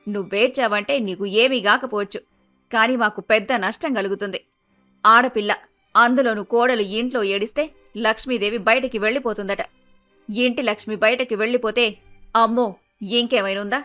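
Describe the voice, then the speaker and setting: A bossy, scolding mother-in-law from a cartoon moral story, voiced by a woman. Her voice is bright and cutting, a little high. Faint music plays behind her. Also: fairly even intonation, fairly quick, close to an everyday voice. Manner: scolding, domineering.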